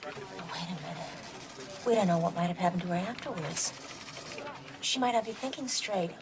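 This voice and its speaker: A woman's voice: on the low side, normal speed, natural voice. An actress playing a worried woman who keeps pressing with anxious questions about her missing sister-in-law. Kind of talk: film drama. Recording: film soundtrack with background noise.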